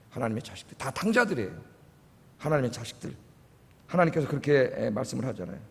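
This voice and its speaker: High-pitched preaching man in echoing hall. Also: fairly bright tone. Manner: emphatic preaching, quoting God and Jonah with rising intensity. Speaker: pastor. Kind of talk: sermon. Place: church sanctuary. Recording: long reverb of a church hall.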